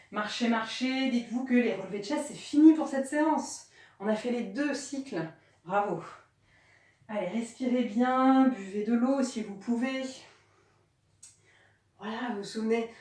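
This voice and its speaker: A woman's voice: a little high, recorded from a distance. Encouraging woman fitness coach, echoey room. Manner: encouraging, counts out loud and cues breathing. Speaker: fitness instructor. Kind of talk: guided home workout coaching.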